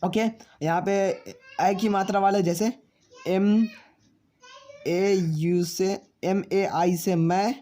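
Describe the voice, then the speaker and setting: His voice sits high and sounds mellow, with fairly even intonation. Calling his viewers friends, he works through a spelling lesson, pronouncing each letter of a name slowly and answering the questions he poses.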